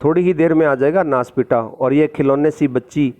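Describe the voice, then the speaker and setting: A man's voice: fairly high pitch, moderate pace, narrow, tinny audio, natural voice. A man doing an indignant talking letter box.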